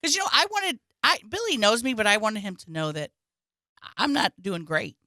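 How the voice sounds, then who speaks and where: A woman's voice: a little high, moderate pace, no room sound, clean studio sound. A woman, telling comic stories on a podcast and acting out quotes in goofy voices. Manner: animated storyteller, acts out quotes with goofy voices. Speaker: podcast guest and comedian. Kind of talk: casual comedic chat.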